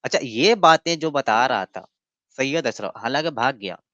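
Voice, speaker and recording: A man's voice: medium pitch, animated, moderate pace, bright, forceful tone, no room sound, lo-fi sound. A man hosting a livestream debate, mocking his opponent and reading passages aloud in a lecturing way. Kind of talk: casual livestream debate and commentary.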